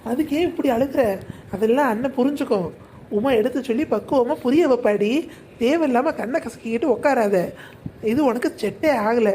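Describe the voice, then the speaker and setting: A woman voicing a caring village woman in a cartoon, gently scolding and consoling her friend. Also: fairly high pitch, normal speed, slight background noise, close to an everyday voice. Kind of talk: cartoon voice acting.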